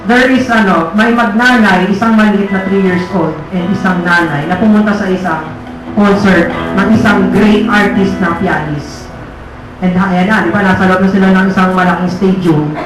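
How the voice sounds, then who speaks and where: A man with a high voice, preaching to a youth group. He mixes Tagalog and English and keeps checking in with his listeners. His voice rings through a very echoey hall while a guitar plays along behind him. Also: steady tone, normal speed. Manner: switches between Tagalog and English, asks the crowd "diba?" again and again. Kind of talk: sermon.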